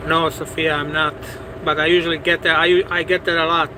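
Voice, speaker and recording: A man's voice: fairly high pitch, level tone, brisk, noisy background. A man, a truck driver chatting casually with his livestream viewers and circling back over his words with many "you know"s. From Bosnia. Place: parked truck at a truck stop.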